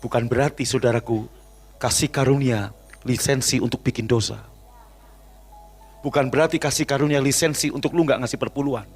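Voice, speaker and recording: A male pastor with an Indonesian accent preaching a sermon, swinging between quiet asides and shouted climaxes, mixing casual slang with formal address. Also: medium pitch, a little fast, pauses often, slightly rough, soft background music. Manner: animated preaching, shouts climaxes, acts out quoted dialogue.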